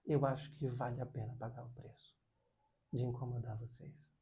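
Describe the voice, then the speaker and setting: Animated storytelling man. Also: moderate pace. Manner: animated, with many pitch swings and acted quotes. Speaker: video host. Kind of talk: casual storytelling monologue.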